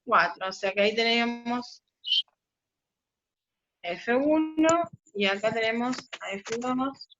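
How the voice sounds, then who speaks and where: A woman's voice: fairly high pitch, expressive, slow pace, long pauses, a bit bright. A woman teaching a physics class over a video call, explaining step by step and often checking in with the students. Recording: muffled video-call audio, faint noise.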